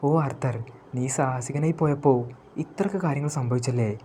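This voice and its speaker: Shy young princess, man reading, storybook recap, mellow. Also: medium pitch, brisk, a little hiss or hum, natural voice. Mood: tender. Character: young woman, elf princess, shy and warm.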